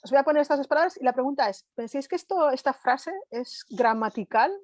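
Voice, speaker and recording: A woman's voice: high voice, fast, a little mellow. A woman from Spain giving a live online lecture, talking conversationally and constantly checking in with her audience.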